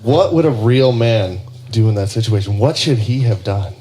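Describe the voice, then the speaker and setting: A man's voice: on the low side, expressive, normal speed, dark tone, a little hiss or hum. Laughing, profane young man telling a story. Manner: laughing storyteller, swears freely. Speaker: podcast host. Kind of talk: casual chat.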